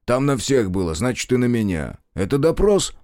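A man reading as a blustering partisan commander, defensive and quick to snap, his voice pitched noticeably higher than the deep narration and rising sharply when he takes offense. The delivery is dry and close, with no room around it. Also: big pitch swings, darkish tone, no echo, natural voice. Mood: snapping. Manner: defensive, snapping, indignant.

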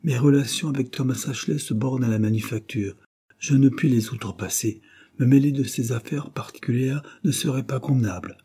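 A man's voice: medium pitch, a little fast, dark tone, husky, pitched above the performer's own voice. A man reading a dry, sober Quaker clerk. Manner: dry, brief, formal speech.

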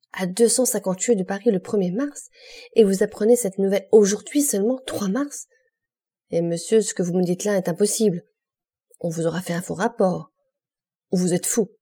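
A woman's voice: medium pitch, moderate pace, dark tone, husky, close to an everyday voice. A woman voicing an angry, commanding old male king in an audiobook. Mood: indignant. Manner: commanding, indignant.

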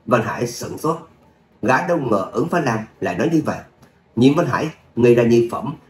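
A man who chats casually with his listeners and then reads a serialized story, in a roomy recording with a faint hum. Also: medium pitch. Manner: chatty, with filler words, then a steady reading. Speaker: audio story narrator.

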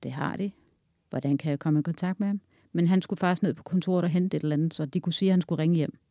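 A woman's voice: fairly low pitch, fairly even intonation, mellow, no room sound, clean studio sound. A woman in her forties recounting a personal loss in an interview, candid and earthy, telling it in vivid detail.

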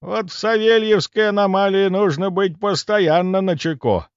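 A man voicing a gruff, boastful old grandfather who bellows, in an audiobook. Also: sits high, normal speed, dry recording, muffled recording, pitched above the performer's own voice. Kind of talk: audiobook character voice.

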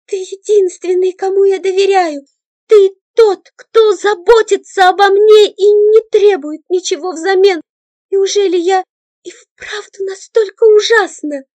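A woman's voice: very high-pitched, fairly even intonation, measured pace, darkish tone, dry recording, pitched above the performer's own voice. A woman voicing a young female ghost who speaks emotionally and pleads through tears. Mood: pleading. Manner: emotional, pleading, tearful outbursts. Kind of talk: audiobook character voice.

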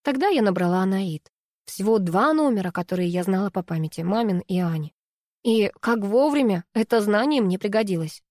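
Young woman narrating an audiobook, expressive, dry studio sound. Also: medium pitch, a little fast, dry recording. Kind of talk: first-person story narration.

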